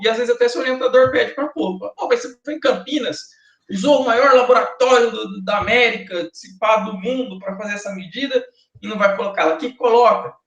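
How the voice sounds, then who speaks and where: A high-pitched, somewhat bright male voice with a Brazilian Portuguese accent delivers a university lecture, chatty and joking with students. The audio is dull and echoes around the classroom.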